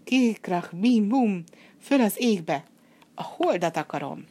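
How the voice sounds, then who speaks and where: A woman voicing a scheming little boy prince in a storybook reading, in a raised, higher and louder voice than her narration. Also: slightly rough. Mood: excited.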